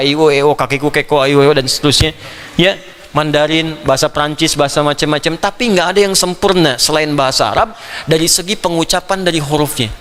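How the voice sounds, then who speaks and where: A man preaching a Quran commentary lecture to an audience, animated and playful, slipping into imitations of foreign phrases. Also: on the high side, smooth, long reverb tail. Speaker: Islamic preacher.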